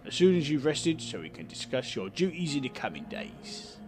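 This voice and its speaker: A man's voice: a little high, sing-song, moderate pace, music in the background, voice pushed up. A man voicing a male community leader in a game, reading a formal welcome in an exaggerated mock Cockney accent. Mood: welcoming.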